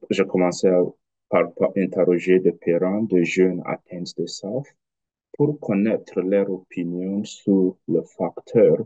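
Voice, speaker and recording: Low mellow guy w foreign accent in french, non-native, halting academic talk, muffled dull call audio. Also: husky, no echo. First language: not French. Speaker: researcher presenting a study. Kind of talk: academic presentation.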